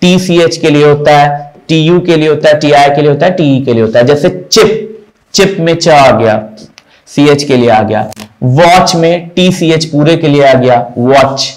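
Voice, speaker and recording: A man teaching English pronunciation in Hindi, slowly repeating each word to drill the sounds. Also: on the high side, poor audio.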